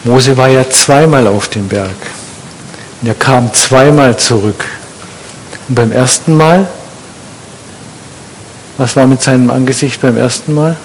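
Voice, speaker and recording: A man's voice: mid-range voice, a little slow, pauses often, a little hiss or hum, low-quality recording. A man preaching a sermon in a conversational way, putting questions to his congregation.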